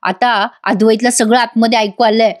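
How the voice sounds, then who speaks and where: A woman narrating a recap of a TV drama with a slightly high voice. She is chatty and opinionated, often turning to her viewers to share her view of the story. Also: steady tone, normal speed.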